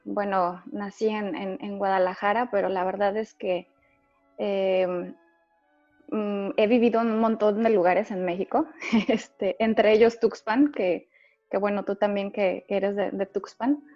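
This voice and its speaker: A woman's voice: medium pitch, steady tone, a little slow, no echo. A woman with a Mexican accent chats casually as an interview guest, laughing often and trailing through fillers. Her voice comes through dull, lo-fi remote audio. Faint music sits underneath. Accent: Mexican Spanish. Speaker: guest soprano. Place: abroad, remote call.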